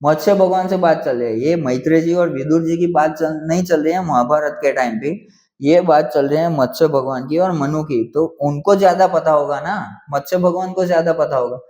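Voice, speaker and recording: A man's voice: a little high, moderate pace, a little mellow. Man reading scripture in an echoey room. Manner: conversational, keeps adding "theek hai" between points. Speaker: religious commentator. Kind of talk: reading scripture aloud with casual commentary.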